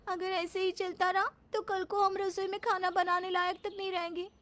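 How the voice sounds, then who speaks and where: A woman's voice: extremely high pitch, flat delivery, normal speed, fairly bright tone. A woman voicing a young daughter-in-law who complains politely in a cartoon story. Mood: upset.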